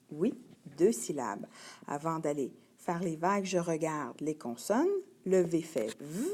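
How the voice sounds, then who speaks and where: A woman teaching a young child to read, sounding out letters and syllables slowly and clearly. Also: low voice, mellow. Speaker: primary school teacher. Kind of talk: slow patient reading lesson.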